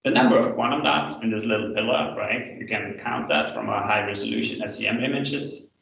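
A man presenting his PhD thesis defense as an academic slide talk, explaining in a hesitant, hedging, halting way. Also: fairly low pitch, gravelly, fairly bright tone, a little hiss or hum. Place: indoor room, online video call. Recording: echoey room, distant mic, dull video-call sound.

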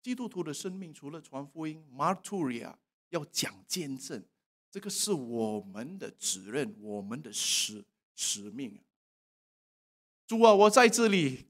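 Male preacher, sermon in church, animated, jumps from hushed to loud, quizzes the congregation, slightly high voice. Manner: animated, swinging between soft and loud, asking the congregation questions. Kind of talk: sermon with personal testimony. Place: church worship service.

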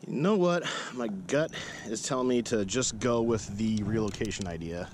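A man giving relaxed, instructive fishing tips to a head-mounted camera at a sunny lakeshore. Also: on the low side, normal speed. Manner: relaxed, instructive, talking to camera while working. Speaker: fishing vlogger. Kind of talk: casual how-to narration. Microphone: head-mounted action camera. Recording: outdoor noise behind the voice.

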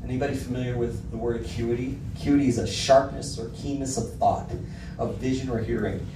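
In a church hall with a projector screen, a middle-aged pastor preaches into a handheld mic, reading song lyrics aloud with emphasis. His voice is medium in pitch, steady and brisk. Filmed from the back of the room, the recording is echoey and noisy, and the mic sounds distant.

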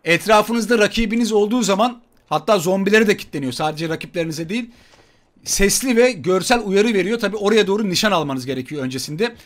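A man commenting on his mobile shooter gameplay for viewers, excitable and joking, trash-talking enemies. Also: sits high, quick pace. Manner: excitable, swears playfully, talks to viewers and enemies. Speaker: gaming YouTuber. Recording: gunfire and game noise behind.

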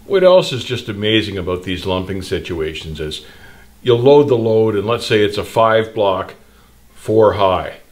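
A man's voice: fairly low pitch, animated, unhurried. An older man hosting a trucking channel, speaking straight to camera in blunt, plain-spoken, indignant advice talk and gesturing broadly, recorded in a small indoor studio.

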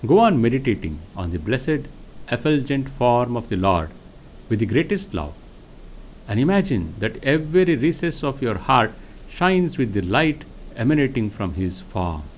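A monk with a mid-range voice gives a spiritual lecture, reading from religious teachings. He speaks slowly and serenely with deliberate pauses, his intonation swinging widely as he instructs, over a faint hiss or hum.

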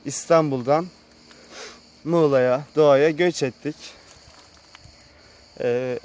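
A man vlogging casually outdoors at a rural sheep pen, speaking slowly and unhurriedly about his new animals. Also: fairly even intonation, a little mellow. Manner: slow, unhurried, with sing-song high calls to the animals. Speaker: vlogger moving to the countryside. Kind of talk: casual vlog talk while tending sheep.

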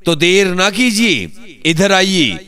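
A man delivers a melodic vegetable vendor call in a high voice. He takes his time, stretching out each item and repeating his invitations like a recorded street advertisement. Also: big pitch swings, slow, pushed and bright. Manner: repetitive calling out, listing items one by one.

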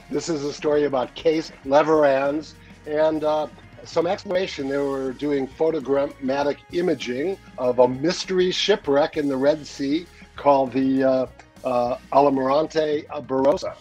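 A man's voice: on the high side, steady tone, measured pace, darkish tone, soft background music. Older man rambling on a video call. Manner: rambling, full of "uh" fillers, laughs easily. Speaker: newsletter editor, regular guest. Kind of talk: casual video-call chat. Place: home study with bookshelves. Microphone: webcam on a video call.

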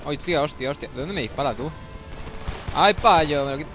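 A young man with a Spain Spanish accent giving excitable, swear-filled commentary over a shooter game and taunting the enemies. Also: fairly high pitch, brisk. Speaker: gameplay commentator. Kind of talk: let's play commentary. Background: faint game music and gunfire.

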